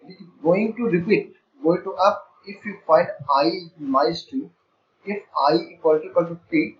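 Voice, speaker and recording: Male coding tutor, fairly high voice, step-by-step explainer, muffled lo-fi mic. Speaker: programming teacher. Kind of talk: screen-share coding lecture. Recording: dull lo-fi sound.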